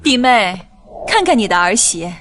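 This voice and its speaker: A middle-aged actress playing a sly, insinuating aunt by marriage. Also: female voice, medium pitch, sing-song, measured pace, a bit bright, faint music behind.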